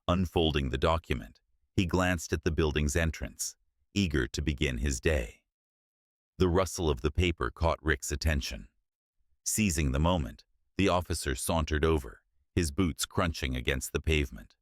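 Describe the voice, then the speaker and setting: A man narrating a scripted story in a steady, measured way. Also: extremely low pitch, no echo, clean studio sound.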